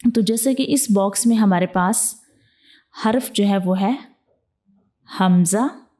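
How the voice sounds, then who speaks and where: A woman's voice: mid-range voice, takes it slowly, dark tone. A woman teaching a step-by-step Quran reading lesson. She explains patiently, repeats points, checks in often and mixes English words into her teaching. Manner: patient, repetitive explaining with frequent "theek hai" check-ins.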